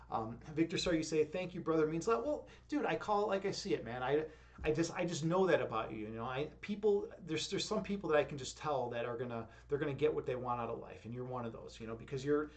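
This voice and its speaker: A young man hosting a relaxed live stream, reading chat aloud and rambling with lots of fillers and easy chuckles. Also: a little high, fast. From Chicago. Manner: rambling, many "like" and "you know" fillers, chuckling. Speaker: streamer host.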